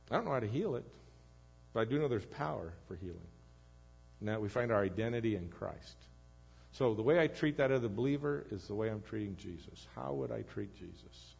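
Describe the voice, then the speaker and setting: A man preaching a sermon as pastor, earnest, swinging between emphatic lines and low, quiet ones. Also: vocal fry, slightly rough. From United States.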